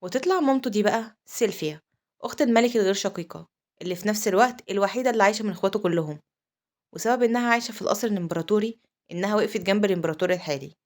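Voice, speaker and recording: A woman's medium-pitched voice, carrying an Egyptian Arabic accent, moves quickly through a manhwa recap. Quoted lines are delivered plainly.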